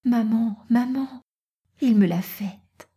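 A woman's voice: a little high, slow pace, dark tone, breathy edge, pitched above the performer's own voice, exaggerated voice. A woman voicing an eager young girl talking to her mother, in a raised girlish voice for a storybook reading. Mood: excited. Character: excited young girl, indignant daughter.

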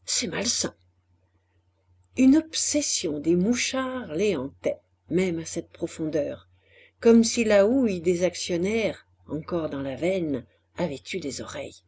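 Slow, husky-voiced woman reading a novel. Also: lowish voice, lively intonation, warm tone. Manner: measured, deliberate reading. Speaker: audiobook reader. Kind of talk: scripted literary narration.

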